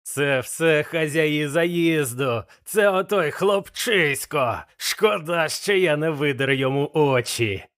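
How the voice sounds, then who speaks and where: A man voicing a furious blind old male pirate who shouts curses at his gang in a slow, emphatic way. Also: mid-range voice, lightly acted.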